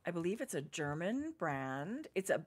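Woman, middle-aged, co-hosting a craft chat; low-set voice, unhurried, explains everything in detail. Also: sing-song. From Canada. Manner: detailed, explanatory, with frequent pauses and fillers. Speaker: knitting podcast co-host. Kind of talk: casual chat.

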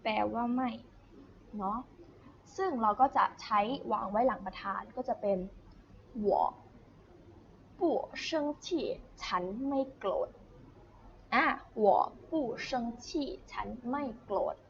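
A woman teaching a recorded remote high school language lesson, explaining patiently and repeating and drilling words aloud. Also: takes it slowly, pauses often, fairly bright tone, highs cut off, a little hiss or hum.

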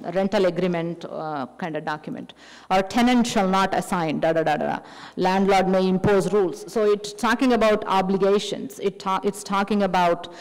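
A woman with an Indian accent gives a technical lecture at an ordinary middle pitch. She explains patiently, circling back with fillers and restarts. Her voice carries a long reverb, as in a big hall.

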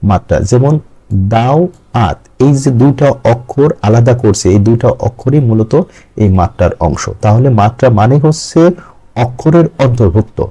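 Male online tutor, mellow voice, patient step-by-step explainer who repeats the key terms. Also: medium pitch, animated. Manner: explanatory, repeats key terms, breaks words into syllables slowly. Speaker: teacher. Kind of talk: online exam-prep lesson.

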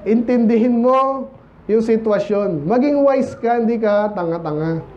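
A man with a notably high voice delivers a relaxed, conversational sermon from the pulpit. He keeps turning to the congregation for agreement. The recording is a bit muffled, with a faint hiss underneath. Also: unhurried. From Philippines. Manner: casual, asks the congregation "di ba?" and "Amen?". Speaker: pastor. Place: church.

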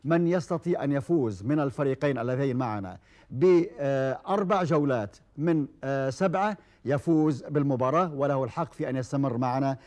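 A man hosting a televised quiz show, formal and measured, with frequent hesitation fillers. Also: medium pitch, a little mellow. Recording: old television broadcast recording.

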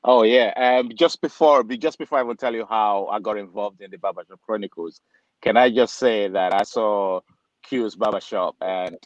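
A Nigerian barber with a lowish voice tells a story at normal speed over a video call, chatting away with many fillers and acting out the dialogue of the people in it. His webcam audio is dry, dull and lo-fi.

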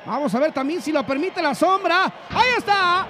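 A man with a Mexican Spanish accent giving excited, dramatic, emphatic lucha libre wrestling commentary. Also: very high-pitched, normal speed. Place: large indoor wrestling arena. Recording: loud arena crowd noise behind.

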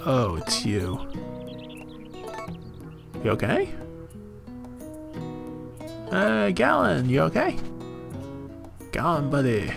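Gravelly, lively man commenting on a game. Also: a little high, extremely slow, long pauses. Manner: animated, jokey, often squeals in surprise. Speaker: gameplay commentator. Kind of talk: casual let's-play commentary. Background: game music.

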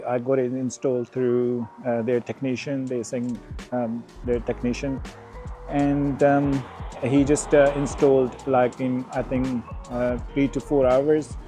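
A middle-aged man explaining motorcycle security in a casual vlog, outdoors on a residential street, pausing often with ums and uhs. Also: mid-range voice, little pitch movement, dark tone, faint music behind. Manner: hesitant, many ums and uhs. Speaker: motorcycle vlogger.

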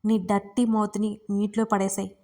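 A woman voicing a sharp-tongued young married woman who scolds her friend in an audiobook romance. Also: mid-range voice, level tone, moderate pace, close to an everyday voice. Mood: irritated. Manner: scolding, snappy, exasperated. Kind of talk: audiobook character reading.

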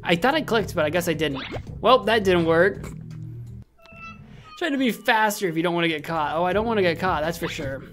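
A man in his thirties with a high voice plays through a game and talks as he goes. He is casual and jokey, thinking aloud close to the mic, with faint music behind him. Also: expressive, brisk, pauses often, a bit bright. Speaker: gaming host. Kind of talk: casual playful game commentary. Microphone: desk microphone close to the mouth.

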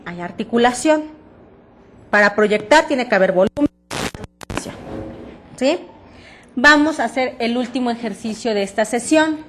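A woman's voice: on the high side, slight background noise. A woman teaching a reading-aloud workshop with a Mexican Spanish accent, explaining breathing and projection patiently and often checking that her class understood. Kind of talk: voice projection lesson.

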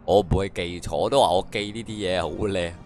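一位帶香港口音嘅年輕男實況主，邊玩遊戲邊用廣東話講解同揶揄對白。. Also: male voice, low voice, moderate pace, darkish tone. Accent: Hong Kong Cantonese. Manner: dry, mocking running commentary and translation of dialogue. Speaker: game streamer. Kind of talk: casual gameplay commentary. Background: faint game music.

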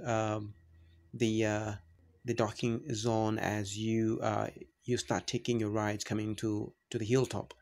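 A man with a low voice talks through a travel vlog. His delivery stays flat and even, and he keeps pausing on "uh" and starting his phrases over. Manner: halting, many fillers and restarts. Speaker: travel vlogger. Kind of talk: casual travel narration.

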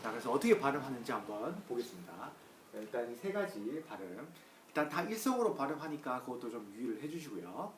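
A man's voice: mid-range voice, slight background noise. Chatty man drilling pronunciation in a roomy space. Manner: drills sounds slowly, repeating each several times; lively, chatty, with many fillers like "ja" and "ye". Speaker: Chinese pronunciation teacher. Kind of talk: casual video lesson. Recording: roomy echo, voice a bit far from the mic.

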